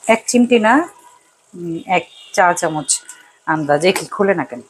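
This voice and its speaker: A woman's voice: lowish voice, lively intonation, takes it slowly, slight background noise, rough recording. An older woman from Bangladesh hosting a cooking show, chatting in a rambling, casual way and chuckling often as she cooks in a home kitchen. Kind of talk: casual chat while cooking. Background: faint sizzle of frying.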